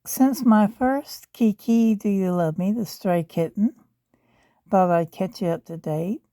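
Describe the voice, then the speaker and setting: An older woman with a gravelly, hoarse voice and a sore throat, chatting casually in a rambling, folksy, blunt way. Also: mid-range voice, unhurried, warm tone, no room sound, studio quality. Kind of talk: casual update about a rescued stray kitten. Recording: faint noise, muffled at times by mask.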